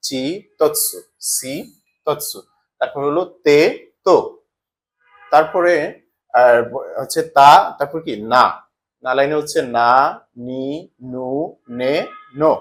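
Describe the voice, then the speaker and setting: A man's voice: medium pitch, slow, long pauses. A man teaching a language lesson, explaining step by step and asking questions that he answers himself. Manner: asks questions and answers them himself, repeats patterns.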